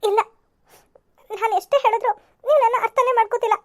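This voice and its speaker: A lovesick, stubborn young cartoon woman, as a woman puts her on. She pleads and sulks, her voice squeaky-high and rushed. Tearful insistence runs through her lines. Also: steady tone. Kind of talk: amateur cartoon voice acting.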